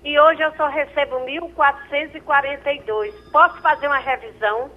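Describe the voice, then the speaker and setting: A woman's voice: high-pitched, steady tone, fairly quick. An older woman, retired for decades, calling in with a plain, direct question. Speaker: caller. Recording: dull phone line.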